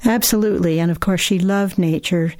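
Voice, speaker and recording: A woman's voice: on the low side, brisk, dry recording. A woman author answering interview questions, telling stories with the odd laugh. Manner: warm laughing storyteller, reads excerpts aloud. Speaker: author and guest. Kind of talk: radio interview answers and reading aloud.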